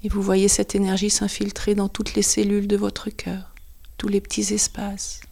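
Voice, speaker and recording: Speaking in a mid-range voice with an entirely flat delivery, a woman leads a guided meditation. Her tone is soft, breathy, and calming, frequently dropping almost to a whisper, and she offers brief phrases broken up by pauses.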